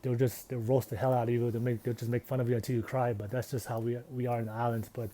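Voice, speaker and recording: A man's voice: mid-range voice, flat delivery, fast talker, dark tone. A man, talking earnestly and reflectively in a casual personal vlog. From Tonga. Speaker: vlogger.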